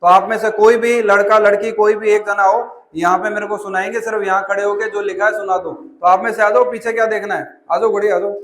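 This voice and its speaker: A man with a notably high voice leads a classroom demonstration, instructing the students directly and calling them child. He is recorded in a school hall with a lot of echo bouncing around him. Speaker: memory trainer presenting a school seminar. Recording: echoey hall.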